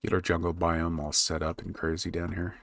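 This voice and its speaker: A man with a gravelly, low voice chats on his live stream as he works on a map, his delivery completely flat and brisk. Quiet muttering to himself gives way to louder remarks for chat, recorded close with no room sound and typing and mouse clicks in the background.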